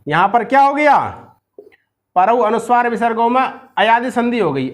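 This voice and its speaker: High-voiced North Indian male teacher. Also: expressive. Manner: drills the student with repeated questions, slows to recite rules. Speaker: Sanskrit grammar teacher. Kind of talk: question-and-answer grammar lesson.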